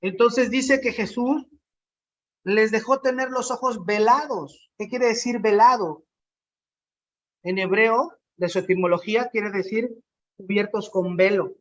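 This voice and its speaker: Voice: mid-range voice, unhurried, fairly bright tone, muffled recording. A preacher giving a conversational sermon, asking the congregation questions and acting out quotes.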